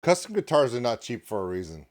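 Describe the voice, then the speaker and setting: A man hosting a reaction video, talking in a rambling, excitable way and joking at his own expense. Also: medium pitch, quick pace, heavy background noise. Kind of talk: reaction commentary.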